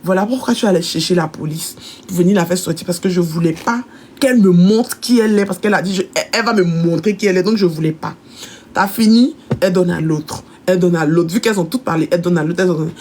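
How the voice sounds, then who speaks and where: A woman, a shop owner, telling a story in a casual, animated way and acting out the voices of the people in it. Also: on the low side, fast, slight background noise. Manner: animated, acts out quoted voices of her employees.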